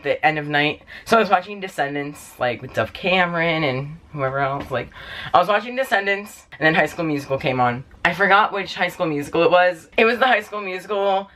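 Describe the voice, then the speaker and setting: A man's voice: a little high, a bit bright. A young man tells a casual storytime vlog, rambling and leaning on lots of "like" fillers. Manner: rambling, heavy use of "like" fillers. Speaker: vlogger.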